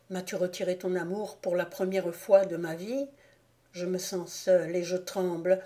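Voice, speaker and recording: A woman reading the part of an anguished young man who calls out to his dead mother, in a soft, hushed, pleading voice. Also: lowish voice, natural voice.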